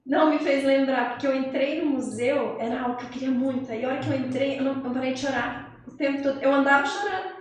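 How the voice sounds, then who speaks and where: A woman telling personal stories in a relaxed podcast chat, laughing often. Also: high voice, fast, few pauses. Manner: chatty storyteller, laughs often. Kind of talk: casual chat. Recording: echoey room, far from mic, faint noise.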